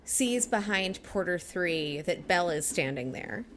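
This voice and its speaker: A woman with a slightly low voice narrates a tabletop game as game master. She improvises as she goes, over faint background noise. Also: animated, measured pace, a bit bright.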